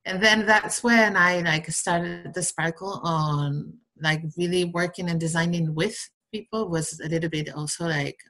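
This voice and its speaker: A woman from the Basque Country with a Basque Spanish accent, talking casually and haltingly as an interview guest. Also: on the low side, fairly bright tone, rough recording. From Basque Country, Spain. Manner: halting, rambling, tags phrases with "no?". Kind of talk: casual conversational interview answers.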